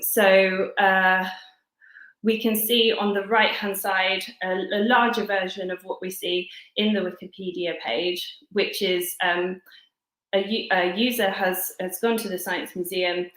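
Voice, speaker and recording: A woman giving an online seminar presentation in a halting way, with many fillers and restarts. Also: mid-range voice, fairly bright tone, echoey room, low-quality recording. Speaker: guest lecturer.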